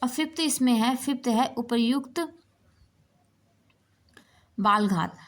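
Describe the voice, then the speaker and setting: A woman's voice: fairly high pitch, lively intonation, slow. A woman teacher explaining an exam-prep lesson while writing on a board, checking in with "ठीक है" and asking herself rhetorical questions. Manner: explanatory, repeats "ठीक है" and asks rhetorical "क्या है"; writes on a board while talking.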